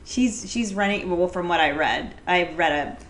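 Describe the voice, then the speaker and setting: A woman's voice: lowish voice, moderate pace, a crowd in the background. A woman guest host chatting casually, playful and giggly. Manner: lively, giggly, playful asides. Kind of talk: casual chat.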